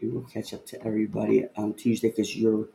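A man's voice: on the low side, monotone, quick pace, creaky, mellow. A man in his fifties co-hosting a podcast, chatting casually, rambling and joking with lots of fillers. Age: 50s. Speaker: podcast co-host. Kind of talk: casual chat. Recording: roomy echo, faint ambient noise.

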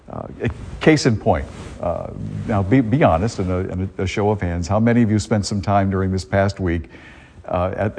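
Low-voiced priest in long cathedral echo. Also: male voice, darkish tone, slight background noise. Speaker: priest giving a gospel reading and homily. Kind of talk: church sermon and scripture reading. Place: large reverberant church. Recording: long cathedral-like church echo, husky-sounding.

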